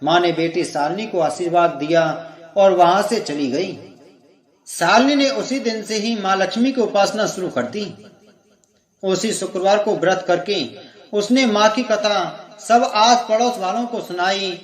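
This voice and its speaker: A man narrating a devotional story in a measured, reverent way. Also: sits high. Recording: echoey room.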